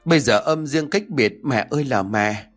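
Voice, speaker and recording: A man's voice: mid-range voice, normal speed, soft background music, lightly acted. A man narrating a story who voices a scheming younger daughter-in-law in an indignant, argumentative manner. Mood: theatrical wailing.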